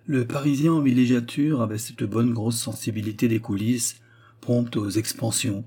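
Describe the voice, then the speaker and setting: A man reads a classic novel aloud at a measured pace. His voice is dark and mellow with a husky edge. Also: mid-range voice, fairly even intonation. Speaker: audiobook narrator. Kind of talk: scripted narration.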